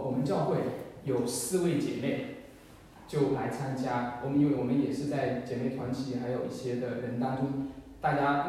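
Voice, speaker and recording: A man's voice: mid-range voice, a little mellow. A man preacher giving an earnest, emotional testimony as part of a sermon. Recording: echoey church hall, mic far off.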